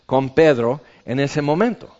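A man's voice: medium pitch, expressive, unhurried, darkish tone. Man preaching, lo-fi sound. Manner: conversational teaching with rhetorical questions and asides. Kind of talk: sermon. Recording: dull lo-fi recording.

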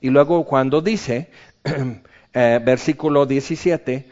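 A man's voice: medium pitch, slow pace, a little mellow. A man preaching a sermon in a conversational teaching manner, asking rhetorical questions and adding asides. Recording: dull lo-fi recording.

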